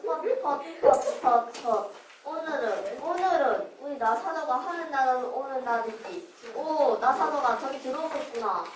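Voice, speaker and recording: Woman as a stately heavenly patriarch, high-pitched. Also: animated, a little slow. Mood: benevolent. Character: kindly but firm biblical patriarch in heaven. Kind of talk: children's hand puppet play acting. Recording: roomy, distant miking with background hiss.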